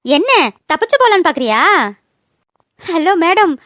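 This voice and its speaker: A woman's voice: very high-pitched, very animated, normal speed, fairly bright tone, no room sound, full character voice. A woman voicing a playful, chatty young college girl in a cartoon. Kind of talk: cartoon voice acting.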